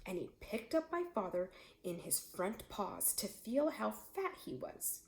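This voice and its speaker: A woman tells a children's story in an expressive read-aloud style. Her mid-range voice moves in lively swoops of pitch. The room adds a clear echo. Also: unhurried. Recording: echoey room.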